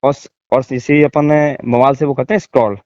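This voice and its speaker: A man's voice: mid-range voice, fairly even intonation, normal speed, darkish tone, no echo, muffled recording. A man, a guest in a casual conversation, describing things in a searching, repetitive way over a video call. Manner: searching, repetitive, thinking aloud.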